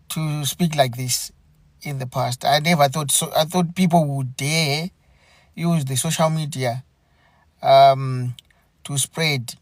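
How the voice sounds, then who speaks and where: Halting, slow-talking man on a live stream. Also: mid-range voice, no room sound, studio quality. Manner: halting, earnest, repeats himself. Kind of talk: unscripted live commentary.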